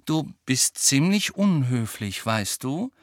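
A man reading an audiobook and voicing a calm, dreamy teenage girl who speaks mildly. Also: on the high side, unhurried, no echo, studio quality, voice pushed up. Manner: serene, mild.

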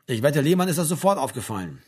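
A man voicing a gruff, joking army sergeant major who talks down to a soldier, read as an audiobook. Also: fairly high pitch, big pitch swings, quick pace. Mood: bossy. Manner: brusque, teasing, talks down. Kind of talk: audiobook reading.

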